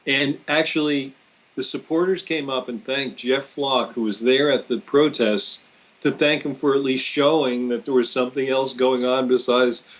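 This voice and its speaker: A man talking politics in casual chat, indignant and quick. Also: mid-range voice, steady tone, poor audio. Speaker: political commentator.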